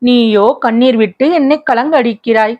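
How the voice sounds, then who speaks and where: A woman voicing a young prince who is tender and coaxing, asking gentle questions, in a slightly muffled recording. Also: on the high side, normal speed, close to an everyday voice.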